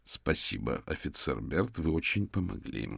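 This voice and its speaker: A man's voice: extremely low pitch, sing-song, normal speed, creaky, fairly bright tone, breathy edge, no echo, full character voice. A man voicing a tired, stern male detective who speaks curtly and impatiently. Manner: curt, impatient commands.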